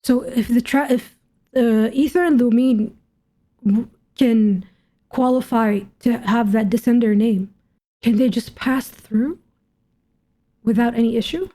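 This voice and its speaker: A woman streamer reacts to a game's story with a fairly high but soft, mellow voice, casually thinking aloud, questioning what she sees and musing on it in informal, occasionally sweary language. Her intonation is fairly even, and she is unhurried, pausing often.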